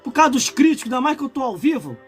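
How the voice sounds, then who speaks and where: A man in his forties with a Brazilian Portuguese accent, preaching a live-streamed sermon. He swells into impassioned shouts and breaks off for chatty asides to his viewers. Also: very high-pitched, sing-song, very fast, faint music behind. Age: 40s. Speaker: pastor.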